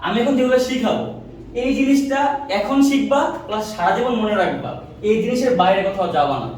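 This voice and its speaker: High-voiced, fast-talking male teacher in an echoey room. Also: darkish tone, slight background noise. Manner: drills students with repeated questions, answers himself. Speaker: physics teacher. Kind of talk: classroom lecture with call-and-response. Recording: echoey room, mic far off.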